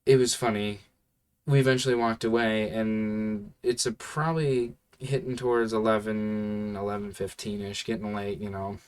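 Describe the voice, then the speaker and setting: A young man tells a story in a loose, rambling way, stacking fillers and easygoing slang as he goes. His voice sits on the low side, relaxed and unhurried. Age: young adult. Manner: rambling, filler-heavy, laid-back slang. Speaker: vlogger telling a story. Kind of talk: casual storytelling.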